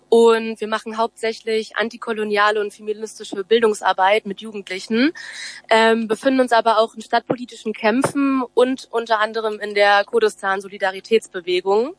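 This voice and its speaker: A woman's voice: fairly high pitch, dry recording. A woman from Germany, an activist guest introducing herself matter-of-factly over a phone call. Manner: brief, matter-of-fact self-introduction. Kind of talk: interview answers.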